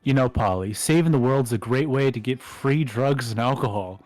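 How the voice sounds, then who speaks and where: A man's voice: mid-range voice, normal speed, darkish tone, no echo, soft background music, natural voice, rough recording. A man voicing a vain, lazy ghost party girl with a valley-girl drawl, acting out a dating game on stream. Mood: lazy, bored.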